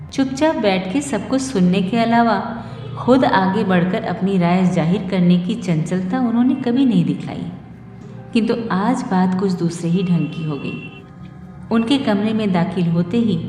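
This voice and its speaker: A woman narrating a literary short story in a measured, formal storytelling manner. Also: medium pitch. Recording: roomy reverb with soft music.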